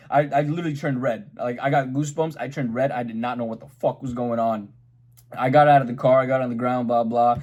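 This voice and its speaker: A young man vlogging a casual storytime about his car, animated, swearing freely and acting out the people in his quotes. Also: medium pitch, brisk, lo-fi sound.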